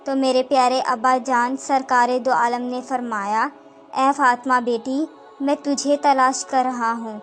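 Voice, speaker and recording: A woman reading the lines of a dying young mother who speaks gently and tearfully. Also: high-pitched, level tone, faint music behind. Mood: tender, tearful.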